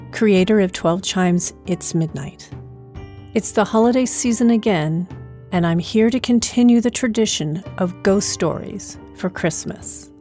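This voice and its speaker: A woman with a mellow, medium-pitched voice hosts a podcast as herself within an audio drama. As its creator, she talks in an informal, hesitant, conversational and wry manner.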